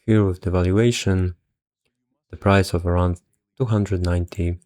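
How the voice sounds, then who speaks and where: Deep-voiced and darkish in tone, he speaks unhurriedly with fairly even intonation. Somewhat tired, the investor muses casually over valuations, halting and half muttering under his breath.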